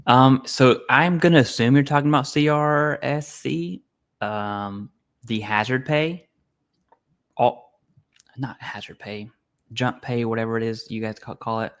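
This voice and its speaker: A man's voice: medium pitch, a little slow, fairly bright tone, smooth. A man hosting a casual live Q&A stream, reading viewer questions aloud and answering bluntly and informally. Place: home setup, eating while streaming.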